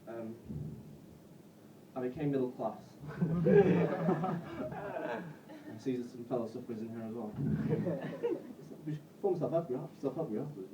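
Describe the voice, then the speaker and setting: A man in his twenties from Bolton with a Northern English accent, doing a live stand-up set in a self-deprecating, halting way with frequent swearing. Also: medium pitch, noisy background. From Bolton, England. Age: 20s. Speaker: stand-up comedian. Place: comedy club stage. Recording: roomy, distant, muffled live recording.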